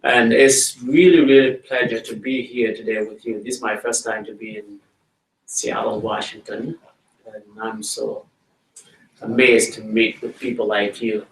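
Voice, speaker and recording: A man's voice: fairly low pitch, level tone. South Sudanese man speaking to schoolchildren. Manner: plain, slow-paced storytelling, addressing children directly. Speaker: guest speaker. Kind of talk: talk to schoolchildren. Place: school library. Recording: roomy hall audio from a distance.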